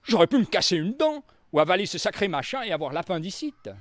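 A man's voice: sits high, big pitch swings, quick pace, no room sound, pitched above the performer's own voice. A man voicing a hot-tempered old colonel in a storybook reading, roaring and blustering. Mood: outraged.

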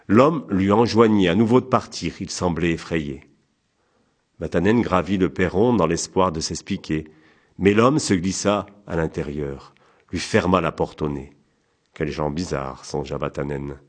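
A man narrating an audiobook in a calm, even, measured way. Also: low-pitched.

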